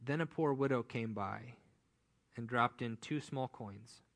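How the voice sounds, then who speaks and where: A man's voice: mid-range voice, unhurried, a bit bright. Conversational male pastor preaching. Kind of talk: sermon.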